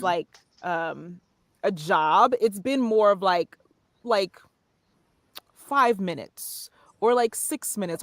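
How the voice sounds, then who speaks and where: A woman voiceover artist appears as a podcast guest, talking casually about narration work and acting out little examples as she explains. Her voice is medium-pitched, captured dry with studio quality.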